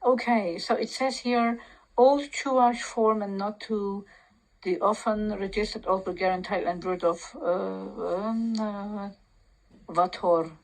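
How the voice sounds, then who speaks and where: Slow, hesitant woman with a Turkish accent. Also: mid-range voice, steady tone, rough recording. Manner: reads aloud slowly, pausing, many fillers and restarts. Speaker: language commentator. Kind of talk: reading and commenting on a text.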